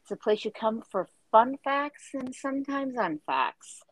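A woman's voice: a little high, expressive, unhurried, low-quality recording. Chatty woman from Florida hosting. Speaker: podcast host. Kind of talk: casual chat. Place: niece's bedroom.

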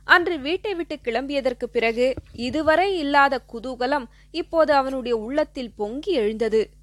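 High-voiced woman reading a story. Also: a bit bright, no echo. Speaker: audiobook reader. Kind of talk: scripted narration.

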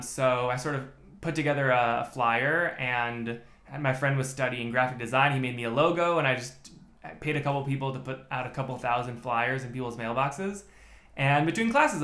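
An American man appears as a podcast guest, telling his story methodically with many restarts in a casual interview chat. His mid-range voice has a fairly bright tone, and the room sounds echoey.

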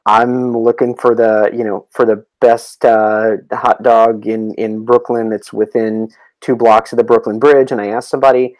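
A man who is a guest on a podcast, telling travel stories in a halting way with many restarts. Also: medium pitch, flat delivery, a little mellow, no room sound, low-quality recording. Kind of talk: casual podcast interview.

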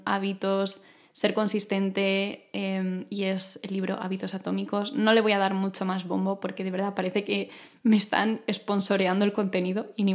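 A woman speaks at an average pitch, with an R that comes from the throat. She hosts in a conversational monologue style, explaining things informally and addressing the listener directly. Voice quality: throaty, guttural R. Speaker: podcast host. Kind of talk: conversational self-improvement monologue.

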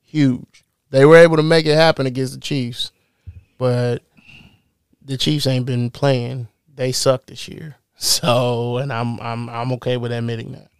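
Gravelly, smooth-voiced man chatting sports. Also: mid-range voice, steady tone, measured pace, dry recording, studio quality. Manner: rambling, stumbles over words. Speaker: podcast co-host. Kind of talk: casual sports chat.

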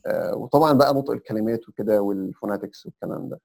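This young Egyptian speaker has a low, darkish, gravelly voice and an Egyptian Arabic accent, and he talks very fast. Appearing as a guest on a podcast, he lays out advice one step at a time in relaxed conversation, dropping English words here and there.

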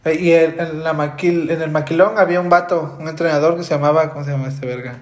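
A man's voice: a little high, fairly even intonation, fast talker, echoey room. A man with a Mexican Spanish accent co-hosting a podcast, rambling through stories in casual chat and trailing off as he searches for names. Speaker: podcast co-host.

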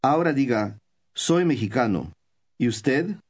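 A man giving scripted instructions in a language course, with calm, measured prompts for the listener to repeat. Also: mid-range voice, slightly rough.

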